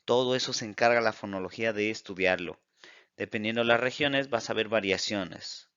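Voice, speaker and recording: Bright, crisp-voiced Spanish-speaking English teacher. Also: male voice, fairly low pitch, no room sound, lo-fi sound. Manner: explains in Spanish, reading English examples slowly and deliberately. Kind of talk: explanatory video lesson.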